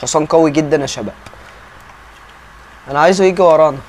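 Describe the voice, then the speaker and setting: A young gaming YouTuber with an Egyptian Arabic accent chatters through casual gameplay commentary at a brisk pace. His voice sits slightly high, and he keeps talking to his viewers. Some slight background noise can be heard.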